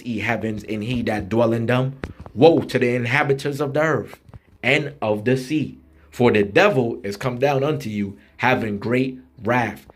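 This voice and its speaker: A man's voice: medium pitch, a little hiss or hum. Blunt man preaching an online sermon. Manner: slows down and reads scripture with emphasis; blunt, street-style preaching with rhythmic repetition. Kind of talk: online sermon with scripture reading.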